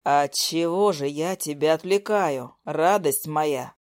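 Woman voicing a furious, growling young man in a romance audiobook, low and impatient. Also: takes it slowly, a little mellow, no room sound, clean studio sound. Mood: impatient, angry.

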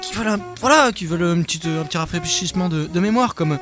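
A young man hosts a casual podcast in a playful, rambling way, full of hesitations. His voice sits fairly high and swings widely up and down, and faint music plays behind him. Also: expressive, fast. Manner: playful, hesitant with many fillers. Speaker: podcast host.

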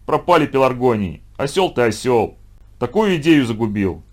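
A man voicing a bossy, scheming schoolboy who talks impatiently and excitedly, in a storybook reading. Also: mid-range voice, moderate pace.

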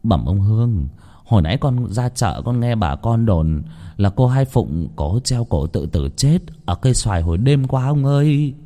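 A man's voice: lowish voice, expressive, moderate pace, warm tone. A man voicing a deferential servant who reports village gossip to his master, in a told ghost story.

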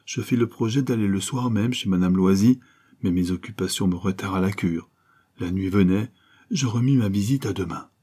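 Audiobook role: solemn country priest, husky and low, read by a man. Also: warm tone. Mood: weary. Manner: grave, slow and weary. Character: village priest, grave and gentle older man.

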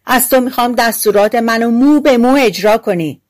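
A woman's voice: fairly high pitch, voice pushed up, close to an everyday voice. A woman voicing a grumpy, meddling old shoemaker who scolds and finds fault. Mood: scolding. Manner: scolding, fault-finding, grumbling.

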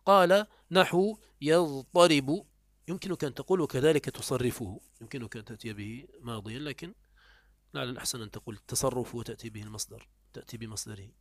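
Man, grammar teacher, explanatory, repeats words slowly, mid pitch, dry recording. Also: darkish tone, no room sound. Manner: explanatory, asks and answers his own questions. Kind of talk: classical Arabic morphology lesson.

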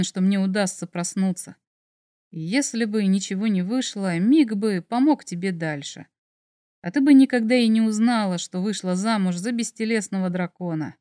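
Teasing dragon emperor in an audiobook, a woman reader doing a lowered male voice, soft and smug, dry booth sound. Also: no echo, natural voice. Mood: serious. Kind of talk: audiobook character voice.

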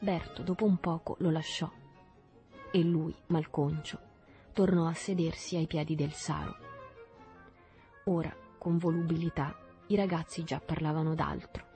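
A woman reading a novel aloud in calm, measured narration. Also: low-pitched, faint music behind. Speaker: reader. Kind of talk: scripted narration.

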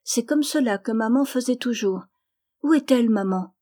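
A woman voicing a trusting, cheerful little girl of about five in an audiobook, in a high, lively childlike voice. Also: moderate pace, natural voice. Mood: chatty. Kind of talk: audiobook reading.

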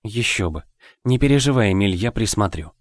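A man voicing a calm, caring young noblewoman who speaks gently and reassuringly. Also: on the low side, fairly quick, no room sound, clean studio sound, lightly acted. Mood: gentle.

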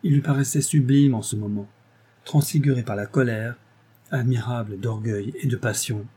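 A man narrating a classic novel as an audiobook, in a measured, expressive reading. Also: medium pitch, a little hiss or hum.

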